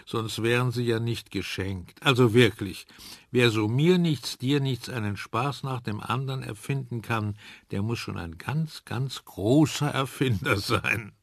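A man's voice: medium pitch, a little slow, creaky, no echo. A man voicing a cheerful little girl who giggles and speaks with enthusiasm. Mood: giggly. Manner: laughing, bright, enthusiastic.

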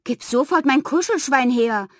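A woman's voice: sits high, lively intonation, normal speed, a bit bright, no room sound, clean studio sound, pitched above the performer's own voice. A woman playing a defiant little girl. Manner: slightly raised childlike voice, defiant. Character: headstrong little girl, the storyteller as a child.

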